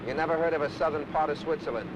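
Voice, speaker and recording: An actor playing a cocky, playful young drifter in a 1960s TV drama. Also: male voice, fairly high pitch, racing, natural voice. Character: cocky young male drifter, girl-chasing. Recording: hissy old TV soundtrack.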